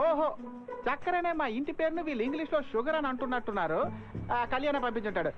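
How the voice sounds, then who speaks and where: A man's voice: extremely high pitch, expressive, rapid-fire, over music. An actor playing a talkative comic village man lost in a big city, rambling and joking to himself. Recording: dull movie audio with score.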